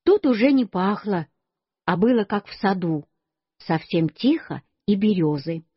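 A woman reading a children's story aloud, slow and expressive in a childlike storytelling manner. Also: medium pitch, husky, no room sound. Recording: dull lo-fi dry recording.

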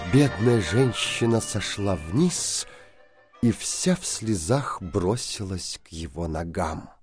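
A man reading a fairy tale aloud with an expressive, dramatic delivery. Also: mid-range voice. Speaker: storyteller.

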